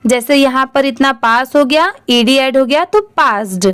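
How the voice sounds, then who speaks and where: A woman teaching English reading, spelling words out letter by letter and saying each one slowly for learners. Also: sits high, fairly bright tone, smooth, dry recording, clean studio sound. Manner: spells words letter by letter in Hindi, then says them slowly.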